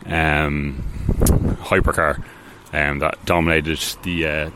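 A man with a very deep, low voice chats loosely through a solo podcast. He wanders and hesitates, filling gaps with ums and false starts, and often makes light of himself. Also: little pitch movement, slow, background noise. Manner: rambling, hesitant, many ums and restarts; offhand and self-deprecating. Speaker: podcast host. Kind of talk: casual solo podcast about cars.

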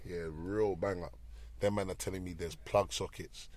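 A former garage MC and rapper, interviewed as a guest, talks in a low, slightly mellow voice with fairly even intonation at a moderate pace. He has a South London roadman accent and tells stories casually in street slang, often finishing lines with "you get me."

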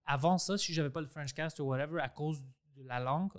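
A man's voice: on the high side, a little fast, clean tone. A man speaking French with an English accent, a podcast host chatting animatedly and acting out what others said. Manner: animated, acts out quoted dialogue, mixes in English words. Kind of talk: casual conversation.

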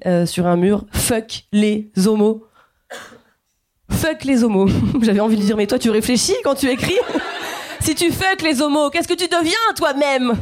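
A woman in her thirties from Guadeloupe, performing a playful, chatty stand-up set and talking directly to the audience. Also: fairly high pitch. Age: 30s. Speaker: stand-up comedian. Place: comedy stage.

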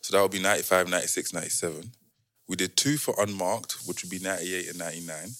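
A man with a London roadman accent hosting a podcast casually, with halting delivery and repeated words. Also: low voice, fairly bright tone, no room sound. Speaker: podcast host.

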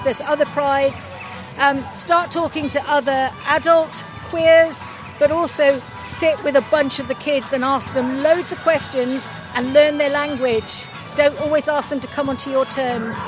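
A woman with a high voice speaks earnestly in an interview. She is outdoors, with music clearly audible behind her. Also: poor audio. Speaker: event interviewee. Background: music at an outdoor event.

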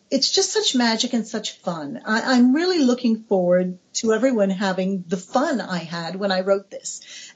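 An American woman in her forties, an author chatting warmly and eagerly in an interview, laughing often, on a dull lo-fi recording. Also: medium pitch, breathy edge. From United States. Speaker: author guest. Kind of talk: casual interview chat.

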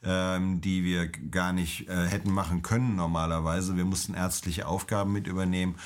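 A middle-aged man, an emergency doctor, answering interview questions in a calm, measured, explanatory way. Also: low voice.

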